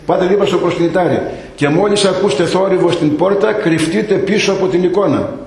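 Man doing a calm, brave elderly abbot, somewhat high, echoey space. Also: gravelly. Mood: earnest.

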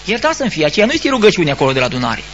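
High-voiced man preaching a stern sermon. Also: huge pitch swings, fairly bright tone, muffled recording, a little hiss or hum. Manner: admonishing, rhetorical questions, halting restarts. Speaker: Orthodox priest.

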